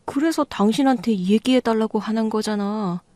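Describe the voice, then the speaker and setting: A woman's voice: fairly high pitch, moderate pace, warm tone, no echo, natural voice. A woman narrator voicing a clueless, defensive husband who pleads that he meant well, in a storytelling radio reading.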